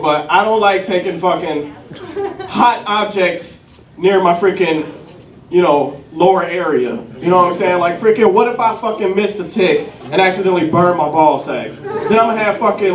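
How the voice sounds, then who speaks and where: High-voiced young comedian, profane and rambling. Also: male voice, moderate pace. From a city. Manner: loose, profane storytelling packed with fillers. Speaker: stand-up comedian. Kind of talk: stand-up routine. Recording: echoey club from a distant mic with crowd laughter.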